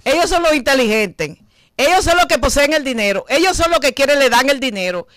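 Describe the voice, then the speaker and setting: A Dominican woman in her fifties hosts a late-night talk show on a TV studio set, speaking into a desk mic on a stand. Her Dominican Spanish-accented voice sits high and is expressive and brisk, with no room sound. She is brash, profane and scolding, breaking into loud bursts.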